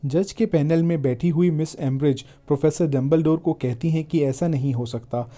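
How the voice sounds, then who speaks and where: A man narrating a film's story in a steady, scripted storytelling voice. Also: on the high side. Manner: steady, even storytelling delivery. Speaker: film recap narrator.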